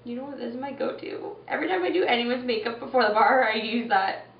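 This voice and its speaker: A woman's voice: fairly high pitch, animated, fast talker. A young woman chatting casually through a makeup tutorial in a tipsy, giggly, drunken way, picked up by a camera mic in a room at home. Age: young adult. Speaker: vlogger doing a friend's makeup. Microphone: camera mic a few feet away. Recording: dull, noisy, echoey, distant camera mic.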